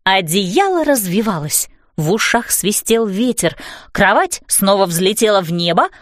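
A woman narrating a children's storybook with animated, expressive delivery. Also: medium pitch, measured pace, dry recording, clean studio sound. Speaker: audiobook narrator.

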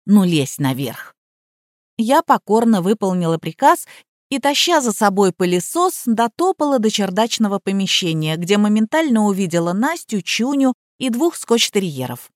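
A woman reading a first-person story aloud as an audiobook narrator, with lively, wry storytelling on a close mic. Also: mid-range voice, normal speed, dry recording. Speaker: audiobook reader.

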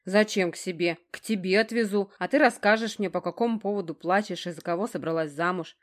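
A woman's voice: mid-range voice, fairly quick, lightly acted. A woman reading an audiobook, voicing a brash young man who jokes and banters. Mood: placating. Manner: bantering, roaring, joking. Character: joking, brash young man, blustery buddy. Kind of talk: audiobook dialogue.

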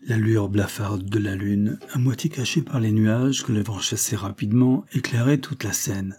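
A man narrating a Victorian novel in a steady, measured way. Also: fairly low pitch, husky. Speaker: audiobook narrator. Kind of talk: scripted narration.

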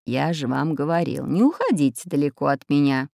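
A woman voicing a calm, learned elderly male professor who lectures. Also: low voice, brisk, gravelly, no room sound, clean studio sound. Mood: warning.

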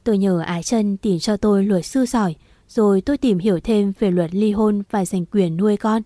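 Brief: calm female storyteller, mellow, dry close sound. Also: medium pitch, normal speed, no echo. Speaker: narrator. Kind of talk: first-person story reading.

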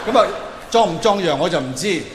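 This stand-up comedian has a high, animated voice, a Hong Kong Cantonese accent, and a fairly quick delivery. In a large hall with a live audience, he tells stories theatrically and exclaims as he acts out dialogue; the hall sounds echoey, with clear reverb and faint noise.

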